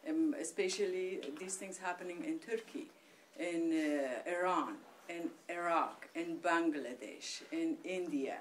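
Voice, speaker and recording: A woman's voice: on the low side, unhurried. Earnest woman from Afghanistan, distant. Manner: earnest, hesitant with many fillers. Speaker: lecturer. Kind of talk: public talk. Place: meeting room with audience. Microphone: far camera. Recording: distant room sound, faint noise.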